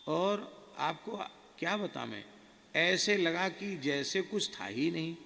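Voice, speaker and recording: A man preaching a devotional sermon, telling a personal story in a slow, earnest first-person way. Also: a little high, lively intonation, gravelly, pushed and bright. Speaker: spiritual preacher. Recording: reverberant hall with faint noise.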